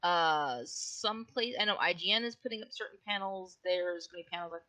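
A woman's voice: on the low side, a little fast, sharp tone. A woman playing on a tabletop game livestream, chatting casually over a video call.

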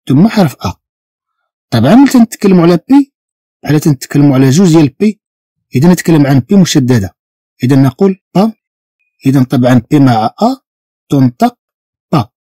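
Moroccan guy teaching beginners, says each sound over and over, warm and a bit husky. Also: fairly high pitch, no room sound. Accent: Moroccan Arabic. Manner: patient, repeats sounds slowly and spells letters out. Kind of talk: beginner language lesson.

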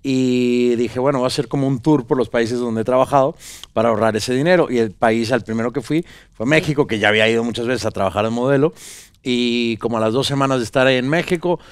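A man in his thirties with a Venezuelan accent, a guest actor talking casually in an interview, relaxed and rambling with many fillers and restarts, on a studio set with a headset mic. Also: medium pitch, quick pace, clear, resonant tone, dry recording. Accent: Venezuelan Spanish. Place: pink-decorated talk show studio set. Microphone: small headset mic.

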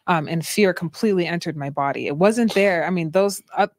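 A woman's voice: on the low side, fairly quick, dry recording. A young woman, a doula and midwife, telling her own story earnestly as a guest, with many casual fillers. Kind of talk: candid personal storytelling.

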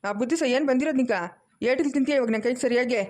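A woman voicing a gruff, middle-aged village husband in a comedy skit, speaking low and stern with a rural Chikkaballapur Kannada accent. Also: rapid-fire, a little mellow, lightly acted. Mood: scolding.

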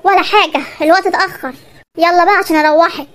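A put-upon young Egyptian man from a comedy cartoon, muttering sarcastic complaints. His voice is sped-up and very high-pitched, with faint background noise. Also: steady tone, quick pace. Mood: exasperated. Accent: Egyptian Arabic. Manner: grumbling, sarcastic. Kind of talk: animated comedy sketch.

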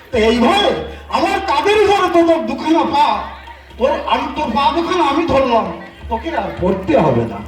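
A man's voice: extremely high pitch, roomy sound, distant mic. A man with a Bengali accent telling a devotional folk story on stage, acting out each character's dialogue. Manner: animated, switches voices for quoted characters. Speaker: kobi gaan performer. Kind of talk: sung storytelling with acted dialogue.

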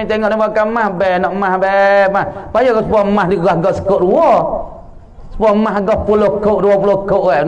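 A male preacher with a fairly high voice and a Patani Malay accent gives a sermon in a mosque. He tells stories in a lively, teasing way and acts out the voices of the people he quotes. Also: poor audio. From southern Thailand. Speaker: religious teacher.

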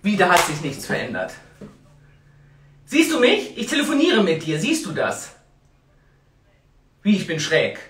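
A woman in her forties hosting a casual live stream, chatting in an expressive, exclamatory way. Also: on the low side, measured pace, long pauses, slight background noise. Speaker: host of a live-stream talk show. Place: small tiled room indoors.

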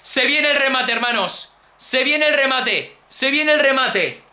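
Young Spanish man, bright sharp tone, animated gaming commentary in an echoey room. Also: extremely high pitch, a little slow. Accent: Peninsular Spanish. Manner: excitable, exclaims and repeats phrases, addresses viewers. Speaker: gaming YouTuber. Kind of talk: excited let's-play commentary.

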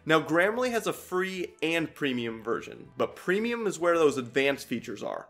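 A man's voice: a little high, sing-song, moderate pace, fairly bright tone, faint music behind. A man in his thirties, a video creator giving a scripted sponsor read.

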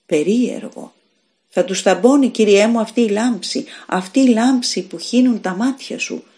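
A woman's voice: fairly high pitch, dark tone, voice pushed up, lightly acted. A woman reading a fairy tale aloud, voicing an innocent, curious little village girl who asks eager, wondering questions.

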